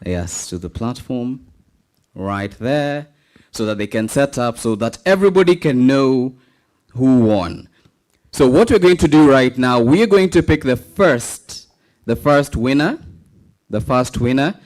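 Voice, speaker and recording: A man's voice: medium pitch, expressive, a little slow, darkish tone. A man emceeing a live raffle draw at an event, playful and teasing, calling numbers like an auctioneer.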